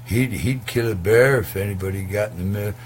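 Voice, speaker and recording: A man's voice: lowish voice, fairly quick, a little hiss or hum, lightly acted. A man voicing a boastful, gossiping woman friend who brags about her husband. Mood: bragging. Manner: bragging.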